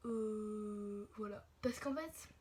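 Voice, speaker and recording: Showing off her toy collection in a casual, rambling vlog, a young woman who creates hobby videos speaks with a darkish, mid-range voice and draws out her words. She's hesitant and colloquial, mildly sweary, and keeps interrupting herself. The audio comes from a phone on a tripod or in hand, with clear background noise.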